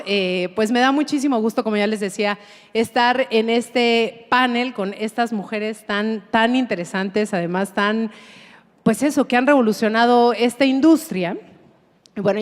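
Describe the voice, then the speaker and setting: A woman's voice: on the high side, normal speed. Enthusiastic Mexican woman moderator, hall echo. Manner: enthusiastic, chatty with many fillers. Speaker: panel moderator. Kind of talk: live panel moderation. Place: large hall on stage. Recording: long reverb of a large hall.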